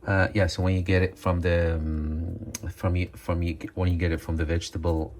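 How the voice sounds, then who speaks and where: A deep-voiced Moroccan man whose first language is Amazigh hosts a cooking video, walking viewers through a recipe in a relaxed home-kitchen chat at normal speed. His English comes with frequent ums and self-checks as he searches for words, over faint background noise.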